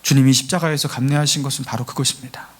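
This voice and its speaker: A man's voice: mid-range voice, fairly even intonation, racing. A man pastor preaching a Sunday sermon, earnest and pleading, acting out the taunts of scoffers and building to fervent emphasis. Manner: acts out mocking voices of scoffers. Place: church sanctuary.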